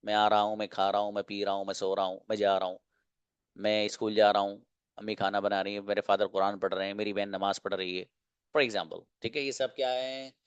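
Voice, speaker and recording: A man's voice: on the low side, little pitch movement, clear, resonant tone, no echo, muffled recording. Dry-sounding man teaching a class. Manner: explains slowly, asks and answers own questions. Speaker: English teacher. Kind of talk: classroom lesson.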